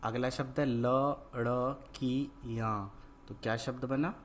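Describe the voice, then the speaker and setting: A man's voice: medium pitch, expressive, moderate pace, slight background noise. A man teaching a Hindi worksheet lesson, asking patient repeated questions and answering each word himself. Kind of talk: worksheet lesson, call and response.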